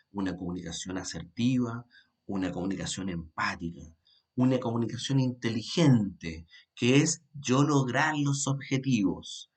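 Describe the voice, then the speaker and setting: Expressive man teaching a class. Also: mid-range voice. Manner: expressive, varies pace and loudness to demonstrate. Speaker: trainer. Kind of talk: online class lecture.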